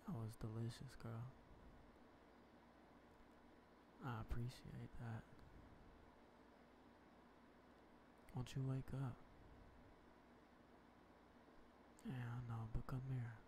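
Gravelly, hushed boyfriend played by a man, ASMR role-play. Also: mid-range voice, little pitch movement, normal speed, close to an everyday voice. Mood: tender. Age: young adult. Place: small living room or bedroom indoors. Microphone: large desktop microphone at the lips. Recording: noisy close-up home microphone.

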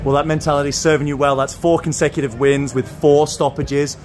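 Higher-voiced male interviewer. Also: flat delivery, brisk, crowd noise. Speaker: sports interviewer. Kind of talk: interview questions and commentary. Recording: faint background noise.

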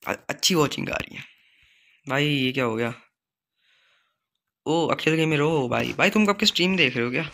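Excitable guy streaming a game live, bright gravelly voice, bit of hiss behind. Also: on the high side, normal speed, long pauses. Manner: excitable, chatty, calls out to viewers. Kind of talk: live gameplay stream chat.

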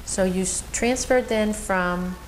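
A woman's voice: medium pitch, slow pace, a little hiss or hum, poor audio. A woman interviewer asking brief clarifying questions in an oral history interview.

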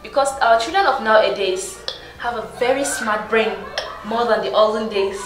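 A woman's voice: fairly high pitch, normal speed, reverberant, over music. A woman guest on a TV panel discussion, giving earnest advice to parents. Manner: earnest, advising. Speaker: studio guest. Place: TV studio.

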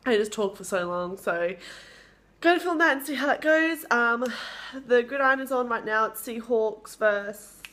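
A woman's voice: a little high, normal speed, fairly bright tone. A young Australian woman talking casually to her viewers in a rambling vlog, with lots of fillers. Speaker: vlogger.

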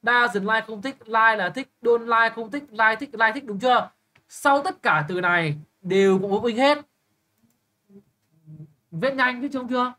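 A young man tutoring English, briskly quizzing a student with quick questions and blunt, teasing remarks. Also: high-pitched, bright, forceful tone. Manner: brisk, keeps checking understanding with quick questions. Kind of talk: live tutoring lesson.

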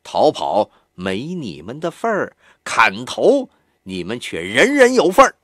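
A man reading an audiobook, voicing a boastful, bound older male captive who talks low and scornfully. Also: wildly swooping pitch, unhurried, fairly bright tone, no echo, clean studio sound, exaggerated voice. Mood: angry.

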